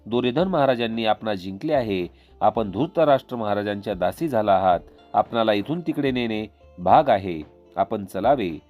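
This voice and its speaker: A man's voice: lowish voice, animated, moderate pace, phone-quality sound, faint music behind, lightly acted. A man voicing an obedient male servant who speaks politely and formally. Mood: deferential.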